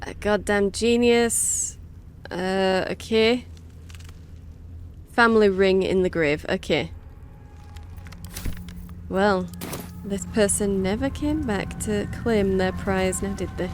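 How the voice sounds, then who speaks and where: Slow-paced woman gamer, chatty commentary. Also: medium pitch, background noise. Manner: reactive, chatty. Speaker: gamer, let's play host. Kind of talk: casual game commentary, reading dialogue aloud. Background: game music.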